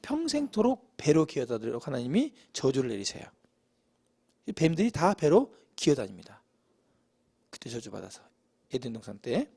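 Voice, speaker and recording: A man's voice: mid-range voice, wildly swooping pitch, normal speed, gravelly, pauses often, dark tone, breathy edge. A man preaching a Bible study lesson in a church, asking the congregation questions and acting out quoted lines. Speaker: lay preacher.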